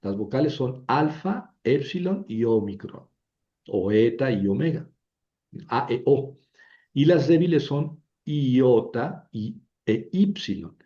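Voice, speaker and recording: Slow, patient male Greek teacher. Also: mid-range voice, expressive, dark tone, dull audio. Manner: patient, spells out syllables, frequent tag questions. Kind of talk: slow classroom explanation.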